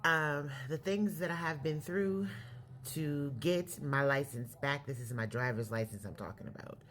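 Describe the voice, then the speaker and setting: A woman's voice: low-pitched, normal speed, a bit bright. Candid woman in her forties, reflective. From California. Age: 40s. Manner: reflective, candid, self-correcting. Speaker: vlogger. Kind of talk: personal storytelling vlog.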